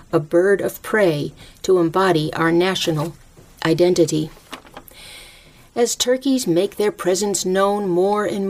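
Woman host w/ lowish voice, reading a reflective scripted nature piece, measured and careful, nature documentary style. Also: darkish tone. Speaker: host of a short spoken-essay program.

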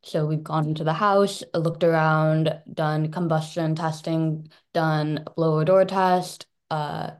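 A woman's voice: low voice, steady tone, slow pace, hardly any pauses. A young woman in her twenties, a college student in a service corps, describing the project in a casual way that is full of "like". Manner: casual, sprinkled with "like". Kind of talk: casual interview talk.

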